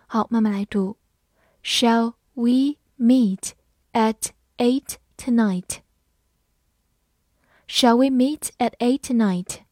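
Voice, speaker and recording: A young woman teaching English vocabulary, spelling words out letter by letter and reading example sentences slowly. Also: fairly high pitch, a little mellow, slightly rough, no room sound, studio quality. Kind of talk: scripted vocabulary lesson.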